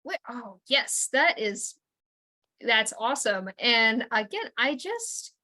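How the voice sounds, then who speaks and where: A woman's voice: on the high side, big pitch swings, slow pace, sharp tone. A woman hosting a fundraiser cabaret, chatty and self-deprecating, stumbling over her words. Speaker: cabaret host. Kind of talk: emcee patter at a fundraiser.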